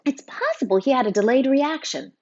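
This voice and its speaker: A woman voicing a fussy, flustered older woman teacher in an audiobook, in a breathy, fluttery manner. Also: high voice, expressive, fairly quick, darkish tone, muffled recording, a little hiss or hum, pitched above the performer's own voice.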